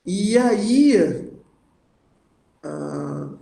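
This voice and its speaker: A man's voice: high voice, very animated, very slow, vocal fry, dark tone, roomy sound. A man lecturing on philosophy, reading passages aloud and then explaining them, often checking in with the listeners. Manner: reads passages aloud, then comments with frequent "né?" and restarts.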